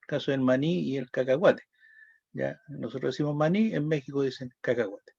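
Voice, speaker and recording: A man's voice: medium pitch, a little fast, vocal fry, darkish tone, husky, dry recording, dull audio. A man with a Chilean accent giving a school lesson, explaining step by step and checking in with "¿ya?" and hesitant "eh" sounds. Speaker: teacher. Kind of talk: lecturing a class.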